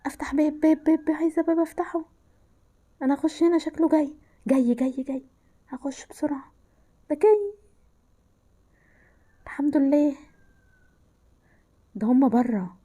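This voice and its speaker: A woman's voice: sits high, brisk, long pauses, mellow. A woman with an Egyptian Arabic accent, commenting while she plays a horror game, frightened and exclaiming, often dropping into whispers. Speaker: gameplay narrator.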